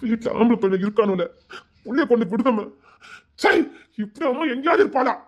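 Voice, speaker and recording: Guy doing an ashamed hotheaded young village man, high voice, agitated. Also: lively intonation, a little fast. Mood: ashamed, frantic. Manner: agitated, self-reproaching outbursts. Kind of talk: village drama acting.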